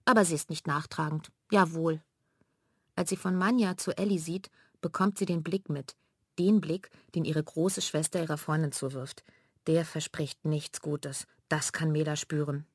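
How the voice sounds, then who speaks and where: A woman narrating a children's audiobook in a clear storytelling manner. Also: low voice, steady tone, normal speed, dry recording, clean studio sound.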